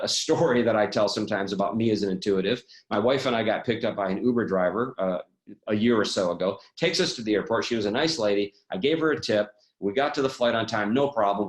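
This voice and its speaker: Man teaching a webinar, echoey room. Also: lowish voice. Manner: animated storyteller, many repeated restarts. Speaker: coach and webinar presenter. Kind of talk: webinar lecture with personal stories.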